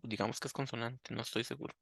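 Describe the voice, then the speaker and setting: A man's voice: mid-range voice, fairly even intonation, fast talker, gravelly, fairly bright tone, no room sound. A man teaching a coding lesson, thinking aloud and asking himself questions as he works. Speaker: programming teacher. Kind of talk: screen-recorded coding lesson.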